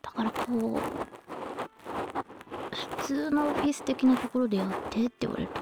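A woman voice actress hosting a listener-letter stream, speaking in a soft half-whisper into a binaural microphone and often giggling. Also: high voice, fast, noisy background. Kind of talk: whispered binaural ASMR talk.

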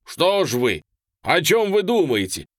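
A man's voice: fairly high pitch, sing-song, unhurried, fairly bright tone, no echo, clean studio sound, voice pushed up, heavily acted. A man playing a stern, strict general. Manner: strict, clipped orders. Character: stern male general, cold and commanding.

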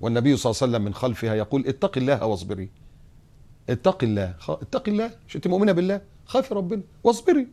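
An animated Egyptian preacher with a fairly high voice. He throws out rhetorical questions and jumps into little acted scenes mid-sermon. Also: rapid-fire, hardly any pauses.

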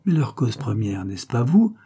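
Guy doing a gloomy bitter fake duke, very dark husky voice, cornered and defensive. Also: medium pitch, big pitch swings, moderate pace. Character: trapped, resentful impostor duke, gloomy. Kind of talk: audiobook character voice.

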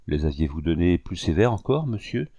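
Young captain, icy and sneering, storybook reading, a man putting him on, dark dry voice. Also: on the low side, expressive, normal speed, no room sound, lo-fi sound. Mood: disdainful. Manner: cold, ironic, contemptuous. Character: young disdainful male army captain. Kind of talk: audiobook character reading.

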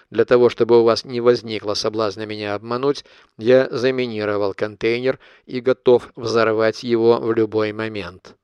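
A cold, calculating blackmailer, as an audiobook reader plays him, laying out his terms in cool clipped phrases. The voice sits fairly low and sounds smooth and resonant. The recording is close and dry, with no room sound. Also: no room sound, close to an everyday voice. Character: cold calculating male blackmailer, middle-aged. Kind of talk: audiobook character reading.

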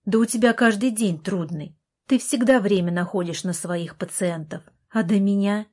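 A woman's voice: medium pitch, normal speed, a little mellow, lightly acted. A woman voicing a sullen, resentful thirteen-year-old boy who snaps back at his sister, in an audiobook. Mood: sulky. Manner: sullen, snapping.

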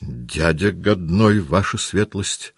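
Man doing a hussar officer, burred r, earnest and slow, dry close sound, audiobook figure. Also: deep voice, animated, husky, dry recording, heavily acted. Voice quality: cannot roll his r, burring. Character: blunt, mustached male hussar officer.

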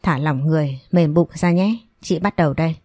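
A woman voicing a kind female doctor who speaks softly and reassuringly, in a storybook reading. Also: low voice, fairly quick, no room sound, studio quality. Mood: gentle. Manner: soft, reassuring. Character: gentle kindly female doctor.

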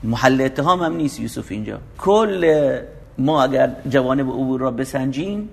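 A man's voice: mid-range voice, expressive, vocal fry. A man preaching a sermon, explaining scripture verse by verse in an emphatic, urging way.

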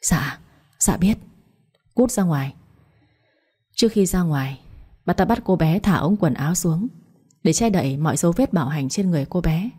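A woman reading a dramatic story aloud as a narrator, in a steady, even way. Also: fairly low pitch, brisk, slightly rough.

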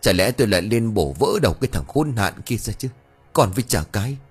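A man voicing a gruff, quick-tempered old village husband who talks in curt, irritable grumbles. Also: fairly low pitch, lively intonation, faint music behind. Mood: angry.

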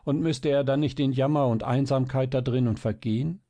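A man's voice: mid-range voice, normal speed, warm tone, no room sound, pitched above the performer's own voice, lightly acted. A man voicing a frail, shy little sick girl in a storybook, pleading and earnest. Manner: eager, pleading.

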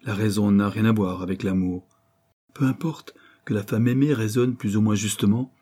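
Husky, mellow male narrator. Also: on the low side. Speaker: audiobook narrator. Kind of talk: scripted narration.

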